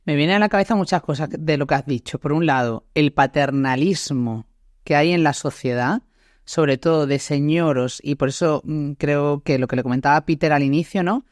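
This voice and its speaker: A woman's voice: low voice, normal speed, darkish tone, no room sound, clean studio sound. A woman with an Andalusian accent hosting a podcast interview, thinking aloud in a reflective way. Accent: Andalusian Spanish. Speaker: podcast host. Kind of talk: casual interview chat.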